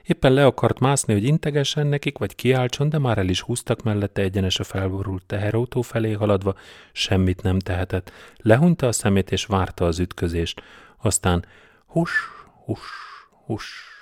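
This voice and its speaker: A man narrating an audiobook in a measured, deadpan storytelling manner. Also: lowish voice, no room sound, clean studio sound. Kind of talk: scripted narration.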